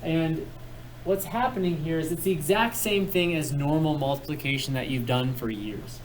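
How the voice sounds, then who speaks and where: A man's voice: a little high, moderate pace, slight background noise, poor audio. Patient male math teacher in class. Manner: patient, encouraging, guides step by step. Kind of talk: classroom instruction.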